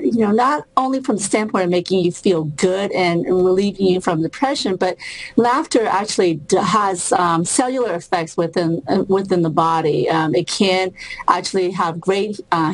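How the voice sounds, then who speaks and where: A woman from Burma, a cardiologist and author, talking as a guest over a video call, thoughtful with many pauses and restarts. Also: on the low side, no room sound, rough recording.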